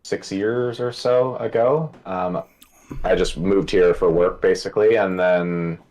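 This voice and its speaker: A man from Colorado, a guest brewer explaining things in relaxed casual chat. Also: sits low, measured pace. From Colorado, USA.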